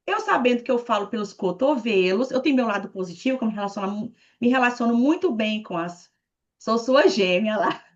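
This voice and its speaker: A woman from Brazil speaks high and bright with a playful, talkative manner. She addresses her listeners directly as she explains her points. The call audio is muffled and lo-fi. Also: lively intonation, brisk. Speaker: guest speaker on leadership. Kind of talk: animated talk on a video call.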